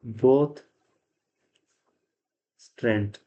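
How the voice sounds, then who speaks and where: A man's voice: mid-range voice, extremely slow, narrow, tinny audio. A man teaching a biology class. He explains step by step, asks questions and answers them himself, and mixes English science terms into his speech. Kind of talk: classroom lecture.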